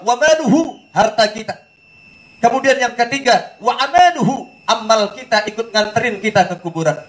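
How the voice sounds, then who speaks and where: High-voiced joking Indonesian preacher. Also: male voice, poor audio. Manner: joking, questions the audience directly, sings snatches. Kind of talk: lively sermon to a live congregation.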